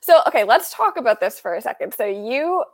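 A young woman with a Canadian accent hosting a podcast in an upbeat, chatty way, often tossing in quick agreeing asides. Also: a little high, very animated, creaky. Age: young adult. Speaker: podcast host. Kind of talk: casual podcast chat.

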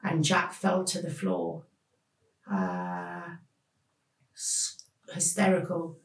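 A woman tells a painful personal story as a podcast guest, speaking haltingly with many pauses. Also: lowish voice, flat delivery, gravelly, recorded from a distance. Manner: slow, halting, emotional retelling with many pauses. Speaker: podcast guest telling her life story. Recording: roomy sound, voice off the mic.

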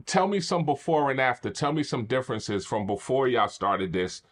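A man hosting a podcast, telling a candid personal testimony with animated, preacher-like energy. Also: medium pitch, normal speed. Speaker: podcast host.

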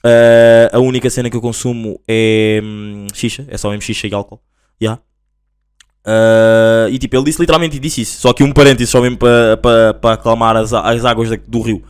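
A young man with a European Portuguese accent hosting a solo podcast, rambling and slangy as he tells stories in a casual, animated way. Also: mid-range voice, moderate pace, smooth. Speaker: podcast host.

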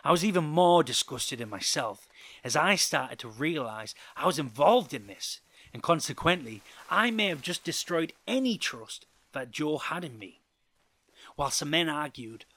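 A man reading a first-person story aloud as scripted narration, with an expressive delivery. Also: mid-range voice.

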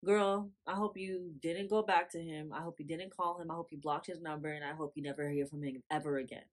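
A young woman with a low voice co-hosts a casual podcast. She talks bluntly and reacts with animated, repeated disgust. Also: fairly quick. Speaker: podcast co-host. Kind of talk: casual chat.

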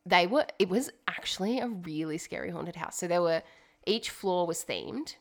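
A young woman co-hosting a podcast, telling a long story in a rambling, animated way full of fillers. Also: lowish voice, normal speed. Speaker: podcast co-host. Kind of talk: casual chat, storytelling. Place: home dining room.

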